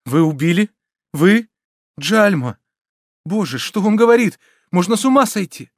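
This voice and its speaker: A man reading an audiobook and voicing a proud, anguished young woman with high, strained cries. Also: unhurried, dry recording, clean studio sound, close to an everyday voice. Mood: horrified.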